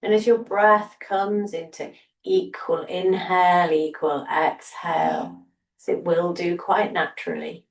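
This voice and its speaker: A woman softly guiding a breathing meditation, slow and soothing with long pauses. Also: on the low side, steady tone, reverberant, distant mic. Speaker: breathwork teacher.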